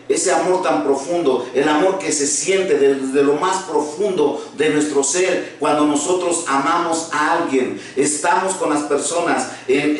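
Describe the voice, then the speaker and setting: A man preaching as a pastor, earnest and halting, with many restarts and fillers. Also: fairly high pitch. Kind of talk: sermon. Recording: very echoey room, voice from far off.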